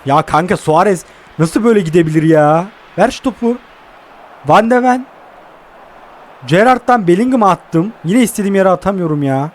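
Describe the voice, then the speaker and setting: A young man giving excitable live commentary while playing a mobile football game, groaning and cursing at it. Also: sits high, moderate pace.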